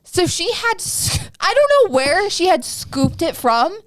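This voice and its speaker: A woman in her twenties, a podcast co-host, telling a story in casual chat, rambling and animated with lots of "like". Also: extremely high pitch, measured pace, dry recording. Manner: animated, rambling, heavy use of "like".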